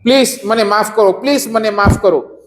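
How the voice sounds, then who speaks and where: A man's voice: high-pitched, moderate pace, a little hiss or hum, close to an everyday voice. A preacher voicing a remorseful young king who keeps begging forgiveness in a frantic, repetitive way. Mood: pleading. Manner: frantic, repeated apologies. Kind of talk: acted quotes in a sermon story.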